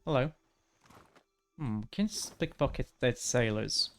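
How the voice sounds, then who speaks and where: Casual male gamer, mid-pitched, thinking aloud. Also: unhurried. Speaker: gaming streamer. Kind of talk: casual video game commentary, reading text aloud. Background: faint game music.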